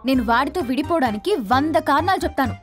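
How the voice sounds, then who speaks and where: Woman as a brisk bossy shop manager, very high, fast, scolding, music behind. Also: expressive.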